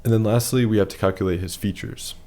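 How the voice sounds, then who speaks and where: Male presenter with a deep, hoarse voice, for a plain analytical voice-over. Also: steady tone, quick pace, warm tone. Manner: matter-of-fact, rating things one by one. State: losing his voice.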